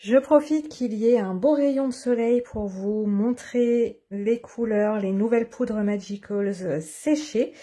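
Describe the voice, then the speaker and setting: A woman with a slightly husky voice talks through her craft in a relaxed, chatty way. She explains step by step, filling pauses with small hesitations. It is a casual tutorial recorded at her desk at home. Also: fairly high pitch. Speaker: watercolor craft vlogger.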